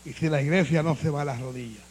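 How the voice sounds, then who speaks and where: A man preaching a sermon as pastor, switching between low, quiet passages and shouted calls to the congregation. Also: quick pace, a little hiss or hum.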